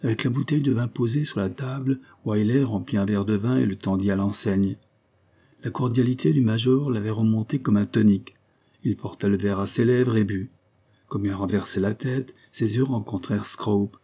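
An audiobook narrator reads a scripted story at a measured, even pace. His low, husky voice has a dark, mellow tone.

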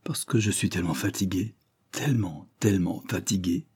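A man's voice: on the low side, unhurried, husky. A man reading as Thomas Reaper, a small weary old man. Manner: speaks faintly, oddly flat and weary. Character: small stout elderly man, weary then overjoyed. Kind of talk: audiobook character reading.

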